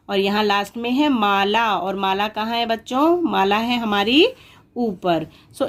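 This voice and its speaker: A woman teaching a worksheet lesson to young children, patiently sounding out words syllable by syllable. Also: fairly high pitch.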